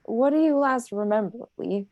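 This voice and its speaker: A woman's voice: a little high, dark tone, no echo, dull audio. A woman playing in a tabletop game, chatting casually and rephrasing as she thinks. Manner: halting, rephrasing as she goes. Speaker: player.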